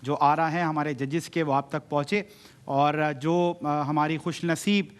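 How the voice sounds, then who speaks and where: A man's voice: a little high, fairly even intonation. A man hosting a televised student debate, courteously inviting the judges and adding short affirmations. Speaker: host of a student debate show. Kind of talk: TV program hosting. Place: TV studio.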